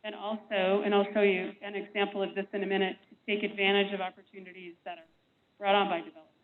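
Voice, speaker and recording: A woman's voice: medium pitch, level tone. A woman staff presenter explaining a plan to a meeting, speaking through a face mask, her voice cutting in and out. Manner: measured, explanatory, frequent ums. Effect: voice cutting in and out over a thin remote line. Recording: tinny phone-like line, breaking up.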